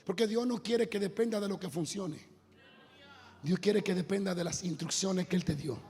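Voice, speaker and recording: High gravelly guy preaching, gets shouty and singsong, long hall echo. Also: moderate pace. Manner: builds to loud, sung shouting. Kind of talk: sermon. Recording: long hall reverb, faint music.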